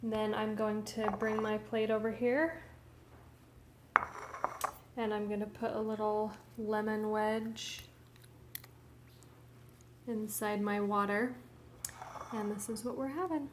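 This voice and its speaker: Slow-talking woman in a home kitchen. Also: mid-range voice, little pitch movement, echoey room, background noise. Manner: slow, homely commentary while plating food. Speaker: home cooking vlogger. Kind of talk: casual cooking vlog narration.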